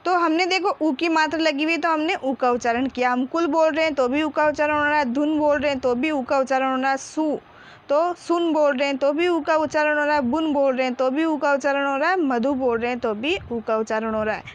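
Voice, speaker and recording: A woman's voice: sits high, brisk, highs cut off. A woman teaching a children's Hindi reading lesson, patiently spelling out each syllable and blending them into words.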